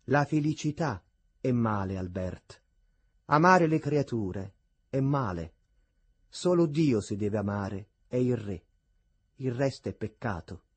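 A sorrowful young woman, voiced by a man in a novel reading, speaks softly and with resignation. The voice is husky, sits in the middle range, and is recorded close and dry. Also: mid-range voice, expressive, a little slow, dry recording. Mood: resigned. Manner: quiet, resigned, earnest. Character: young Neapolitan woman, meek, sad, devout.

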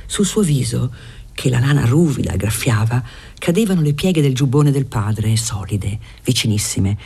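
A measured literary audiobook narration that sinks into whispers at tender moments, read in a breathy voice. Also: mid-range voice, lively intonation, a little mellow.

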